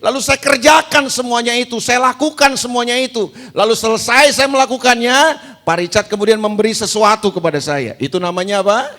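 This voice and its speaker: A man's voice: extremely high pitch, fairly quick, few pauses, sharp tone. A male pastor preaching a sermon. He asks the congregation questions, answers them himself and repeats key words for emphasis.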